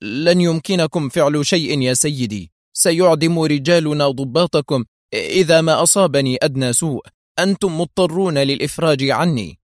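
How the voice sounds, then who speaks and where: A gruff, arrogant spy, put on by a man narrating a novel who speaks curtly and with insolence. The voice is raised and rough against the narration, in a dry close recording. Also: on the high side, normal speed, no room sound, pitched above the performer's own voice, natural voice. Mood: defiant. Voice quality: gruff, hoarse. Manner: curt, insolent.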